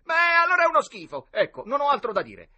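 Adult man voicing a loud challenging boy in a storybook, high and husky. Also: huge pitch swings, fast, heavily acted. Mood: complaining. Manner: theatrical, loud. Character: eager boy playing a rival knight.

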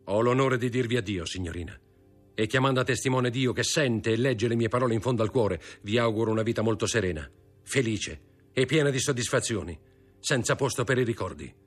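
A man voicing a proud young man in an audiobook reading, grave, measured and bitter. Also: mid-range voice, husky, soft background music, pitched above the performer's own voice, close to an everyday voice. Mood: cold.

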